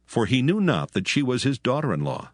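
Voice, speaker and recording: A man's voice: medium pitch, very animated, fairly quick, no echo, clean studio sound. A man reading a scripted, dramatized scripture story as its narrator.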